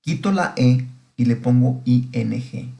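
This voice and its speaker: A man's voice: mid-range voice, measured pace, gravelly, warm tone, faint music behind. A middle-aged man, an English teacher giving a recorded grammar lesson, explaining patiently step by step and often checking that students follow.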